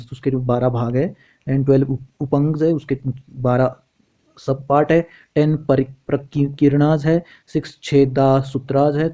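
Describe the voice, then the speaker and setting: A male teacher lecturing from notes, halting and often restarting words, mixing Hindi and English. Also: mid-range voice, warm tone, dull audio. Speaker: exam coaching teacher.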